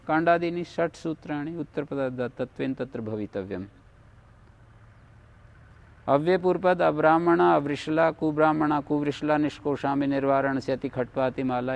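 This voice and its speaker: A man's voice: fairly high pitch, normal speed, creaky. A man teaching a Sanskrit grammar class, going through rules one by one and checking whether the students have understood. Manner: explains rule by rule, checks understanding. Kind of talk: classroom lecture.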